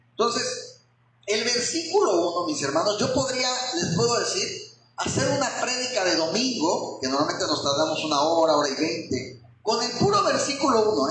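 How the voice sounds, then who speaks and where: A man preaching an expository sermon to his congregation in a church hall, often pausing to ask them rhetorical questions. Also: sits high, background noise. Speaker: pastor. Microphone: handheld microphone.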